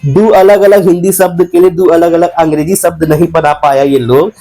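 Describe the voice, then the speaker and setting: A man's voice: on the high side, fairly even intonation, moderate pace, mellow, soft background music, close to an everyday voice. A man playing an ignorant, boastful political devotee in a satirical comic monologue, speaking rustic broken with an indignant, mocking manner.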